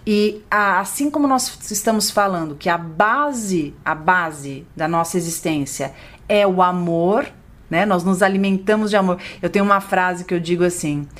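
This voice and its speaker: Casting: woman psychologist, podcast co-host, gentle explanatory delivery. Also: normal speed. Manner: gentle, explanatory, lively pitch when voicing a parent to a child.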